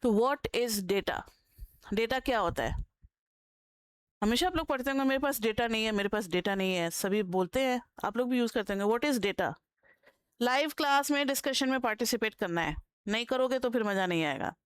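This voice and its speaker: Crisp Indian woman lecturing on statistics. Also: on the high side, lively intonation, dry recording. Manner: explains slowly, dictates notes word by word, asks students questions. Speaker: economics tutor. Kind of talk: online lecture.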